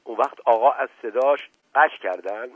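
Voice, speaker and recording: A man's voice: medium pitch, breathy edge, no echo, close to an everyday voice. A man playing a witty, bossy aristocrat. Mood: teasing, urgent. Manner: teasing, commanding. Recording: narrow phone-like band, dry.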